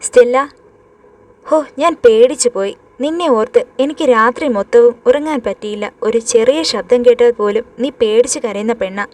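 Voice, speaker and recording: A kind young woman who speaks with soothing affection, voiced by a woman storyteller. Her voice is somewhat high, in a storybook horror tale. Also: normal speed, a little mellow, lightly acted. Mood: caring.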